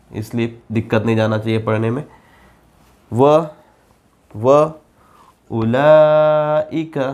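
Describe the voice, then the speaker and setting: A male Quran reading teacher spells out each syllable at a very slow, deliberate pace, with his pitch sitting in an ordinary middle range. He pauses between letters and vowel marks, then breaks into quicker explanations of the reading rules. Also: darkish tone.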